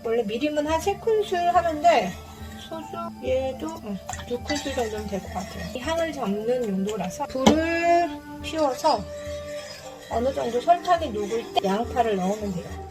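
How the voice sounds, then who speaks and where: High-voiced woman narrating a cooking vlog. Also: lively intonation, moderate pace, loud music behind the voice, poor audio. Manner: polite, chatty, addresses viewers directly. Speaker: cooking vlogger. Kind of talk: casual step-by-step cooking narration.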